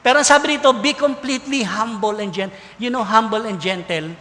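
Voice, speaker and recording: A man with a Filipino accent preaching a sermon in a lively, conversational way, mixing in English. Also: high-pitched, a little fast. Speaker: pastor. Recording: long hall reverb.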